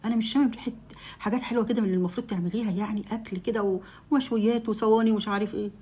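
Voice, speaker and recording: A woman's voice: medium pitch, fairly even intonation, very fast, mellow, breathy edge, voice pushed up, close to an everyday voice. A woman voicing a kind, eager Egyptian husband. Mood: coaxing. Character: good-natured, eager husband.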